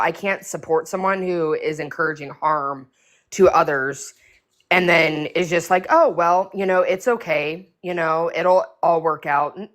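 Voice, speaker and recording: A woman's voice: low voice, fairly bright tone. A woman with an echoing voice, speaking earnestly and encouragingly to others in a live audio chat room. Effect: echoing sound. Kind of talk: casual heartfelt talk.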